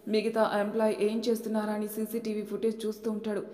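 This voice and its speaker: A woman narrating an audiobook story in a plain, steady storytelling manner. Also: medium pitch, quick pace. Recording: echoey room with long reverb.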